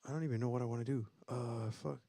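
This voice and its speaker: A man's voice: medium pitch, steady tone, quick pace, gravelly, warm tone, dry recording. A man casually explaining vocal settings and beat-making on a live stream, rambling with many fillers and restarts.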